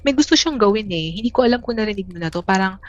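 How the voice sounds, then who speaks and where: A woman from the Philippines, a guest telling a personal story in a casual, halting way, with many restarts and fillers. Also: medium pitch, lively intonation, highs cut off. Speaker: interview guest.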